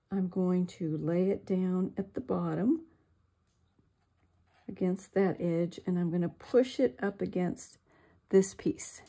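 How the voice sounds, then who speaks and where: Working at her table, an older craft-tutorial host walks viewers through a project step by step in a slow, chatty, self-deprecating way. Her voice is mellow and on the low side.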